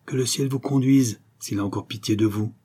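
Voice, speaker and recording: A man reading a novel aloud, voicing a loyal, gruff Breton servant who gives firm, urgent commands. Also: medium pitch, fairly even intonation, brisk, mellow, lightly acted.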